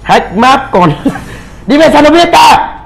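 A man's voice: very high voice, big pitch swings, takes it slowly, creaky, slight background noise, rough recording. A man giving casual gameplay commentary, swearing and crying out in pain as he plays. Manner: swears, cries out in pain during play. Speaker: gamer streamer.

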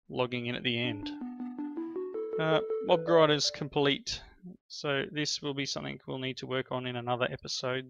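A man's voice: medium pitch, creaky, dry recording. A middle-aged man hosting a family game session, chatting casually through his play and praising his children along the way. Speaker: gaming channel host playing with his children. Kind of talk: casual gameplay commentary. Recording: slightly dull lo-fi sound.

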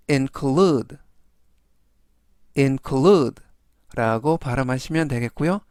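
A man teaching English vocabulary in formal polite speech, saying each word slowly several times and then explaining it step by step. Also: fairly high pitch, no echo, clean studio sound. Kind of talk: slow, deliberate vocabulary lesson.

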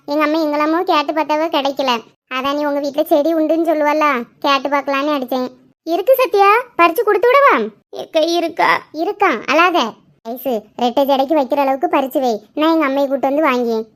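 A woman performing a one-woman comedy sketch, switching between a scolding mother, a whiny girl and a friend. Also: high voice. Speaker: comedy sketch creator playing all the parts.

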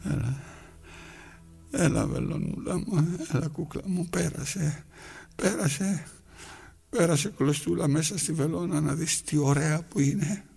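A man's voice: a little high, vocal fry, pauses often, darkish tone, breathy edge, faint music behind, full character voice. An actor playing an aging, lonely man who talks to himself and his needle while mending his trousers, coaxing one moment and scolding the next. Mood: rambling. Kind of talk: theatrical monologue.

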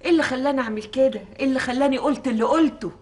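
A woman's voice: high-pitched, rapid-fire, darkish tone, natural voice. An actress playing a guilt-stricken, grieving Egyptian mother, lamenting with an Egyptian accent. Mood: anguished. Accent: Egyptian Arabic. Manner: anguished, lamenting.

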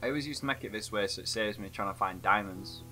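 A man's voice: on the low side, fast, pushed and bright, soft background music. A man casually chatting while playing a video game, playful and giggly with sing-song outbursts. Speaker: co-host gamer. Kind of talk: casual gameplay chat.

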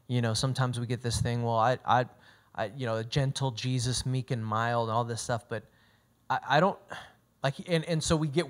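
A man preaches in an earnest, emphatic way, often restarting his sentences as he talks. His voice sits at an ordinary middle pitch. It sounds like a sermon shared as a conversation. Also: a bit bright. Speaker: pastor.

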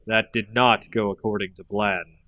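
A man voicing a wounded, weary male warrior who keeps his voice even and restrained in a read-aloud story. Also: on the high side, slow, muffled recording.

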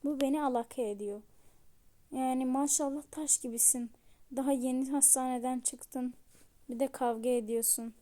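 A woman's voice: high-pitched, fairly even intonation, normal speed, dark tone, natural voice. A woman voicing an earnest young man, a caring fiancé, in a toy-game role-play.

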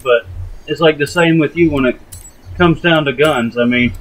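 A man's voice: on the high side, normal speed, fairly bright tone, low-quality recording. A man in his mid twenties, co-hosting a casual gameplay chat in a talkative, rambling way. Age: 20s. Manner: talkative, rambling, laughs often. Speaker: gaming channel co-host.

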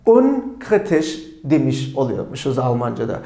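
A man's voice: medium pitch, big pitch swings, moderate pace, dark tone. A man teaching a language lesson, who asks and answers his own questions and says each word twice. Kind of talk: slow, repetitive language lesson. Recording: echoey room.

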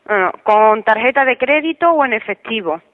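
A hotel receptionist handles a customer call, speaking firmly and matter-of-factly at normal speed. Her slightly high voice has lively intonation, and the dry recording comes through a muffled telephone line.

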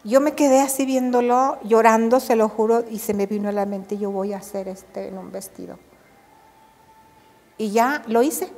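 A Mexican woman, an older embroidery artisan, telling her memories in an interview with animated storytelling and acted-out dialogue. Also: mid-range voice, long reverb tail. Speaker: embroidery and drawn-thread artisan. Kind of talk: reminiscing interview.

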